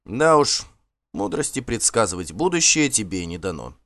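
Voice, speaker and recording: A man's voice: mid-range voice, big pitch swings, moderate pace, fairly bright tone, no room sound. A man voicing a stern, contemptuous Norse warlord in an audiobook, commanding and scornful. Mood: cold. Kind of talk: audiobook character voice.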